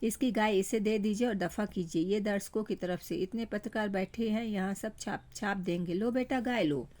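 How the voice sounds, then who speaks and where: An earnest woman social worker who coaxes and argues with officials, read aloud by a woman. She speaks at a middle pitch in a plain, everyday voice. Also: moderate pace, darkish tone, close to an everyday voice. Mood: coaxing. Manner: coaxing, then indignant.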